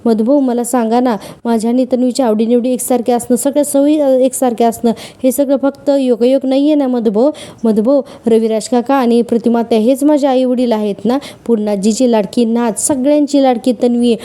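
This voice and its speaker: A woman's voice: a little high, steady tone, fairly quick, warm tone, lightly acted. A woman voicing a tearful young woman who pleads insistently for an answer. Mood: pleading.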